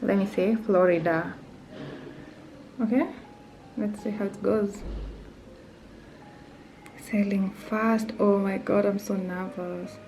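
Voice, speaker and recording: A woman's voice: mid-range voice, fairly even intonation, slow, pauses often, darkish tone, soft background music, low-quality recording. A young woman vlogging casually, thinking aloud, nervous and often dropping to a whisper. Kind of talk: casual vlog narration.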